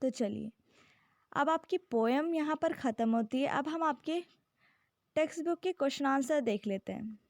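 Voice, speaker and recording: A woman's voice: sits high, no echo, clean studio sound. A woman teacher explaining rhyming words in a poem, patient and repetitive, checking in with "okay" again and again. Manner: slow, patient, repeats words and "ठीक है" often; reads English definitions very slowly. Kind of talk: classroom-style lesson explaining a poem.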